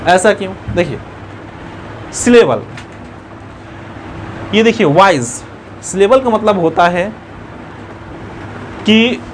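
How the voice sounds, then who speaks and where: In a classroom grammar lesson, a male English teacher with a high, lively voice explains things patiently one step at a time. He repeats words slowly, breaking them down syllable by syllable, while faint traffic can be heard in the background.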